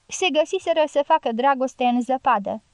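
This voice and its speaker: A woman's voice: sits high, clean tone, no room sound. A woman reading an audiobook voices a cheerful, fawning male guerrilla hunter who exclaims and wheedles. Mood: excited.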